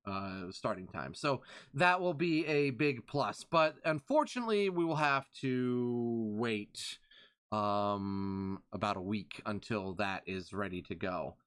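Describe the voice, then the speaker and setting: A man's voice: fairly low pitch, animated, takes it slowly, a bit bright, clean tone. A man streaming live, chatting casually and reading out thanks to followers.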